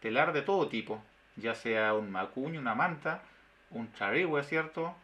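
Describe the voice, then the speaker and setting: A man with a Chilean Spanish accent, a teacher giving a webinar lesson, speaking in drawn-out phrases with constant tag questions. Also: mid-range voice, expressive, sharp tone, lo-fi sound. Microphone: video call.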